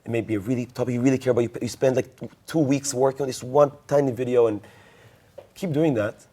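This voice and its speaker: A man's voice: medium pitch, fairly even intonation, fast talker, warm tone. A man on a panel giving encouraging advice to a young creator, often restarting his sentences. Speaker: social media influencer on a panel.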